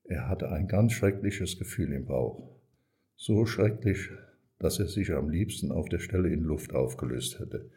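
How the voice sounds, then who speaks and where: A man reading a children's story aloud as narrator, calm and measured. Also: deep voice.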